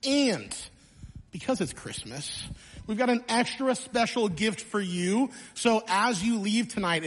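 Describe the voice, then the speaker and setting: A man from Illinois with a high voice speaks to a church congregation. He tells stories in an animated way with self-mocking humor. His voice rings with the long reverb of a church hall. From Illinois, USA. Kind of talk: sermon announcements and storytelling. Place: church sanctuary.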